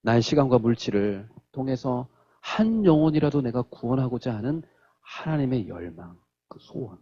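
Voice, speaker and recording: A pastor preaches a sermon in a church, animatedly telling stories and acting out the quotes. His voice is mid-range at a moderate pace, and the recording is muffled.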